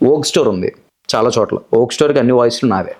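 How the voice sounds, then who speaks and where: A man with a Godavari Telugu accent, a voice-over artist telling his story as a guest in a casual interview, in a brisk, chatty, self-assured way. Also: medium pitch, a little mellow. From Godavari region, Andhra Pradesh, India.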